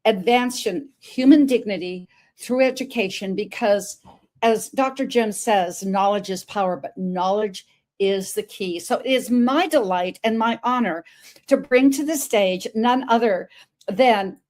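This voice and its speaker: A woman hosts an interview show, speaking with an eager, upbeat energy. She often stumbles and repeats words mid-sentence. Her voice sits at an ordinary middle pitch. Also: measured pace, darkish tone. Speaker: host. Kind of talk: interview host introduction.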